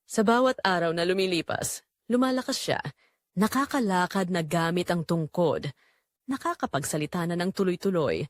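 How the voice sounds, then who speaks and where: Speaking at a normal pace in a lowish voice, a Filipino-accented woman narrates a scripted drama in the first person as an earnest young caregiver confessing her inner turmoil. The recording has no echo.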